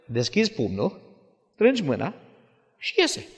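Calm, coaxing mom done by a male preacher, lively melody, reverberant hall. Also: fairly high pitch, breathy edge, heavily acted. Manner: soothing, coaxing. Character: calm coaxing mother soothing her son.

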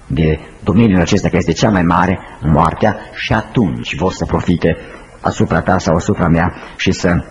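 A man preaching a sermon, swinging between high urgent pleas and slow, hushed low phrases. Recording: slightly dull lo-fi recording with faint noise.

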